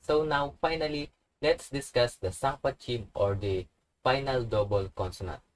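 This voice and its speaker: A man's voice: medium pitch, normal speed, low-quality recording. A man teaching a language lesson, patiently repeating each example word. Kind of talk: slow instructional tutorial.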